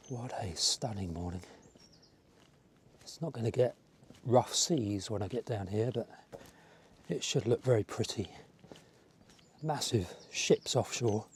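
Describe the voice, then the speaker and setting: Walking outdoors past a village road and the seafront, a man with a cold-roughened voice thinks aloud in a rambling vlog chat to his viewers. His pitch is fairly low. His small wireless clip-on mic picks up a little hiss or hum.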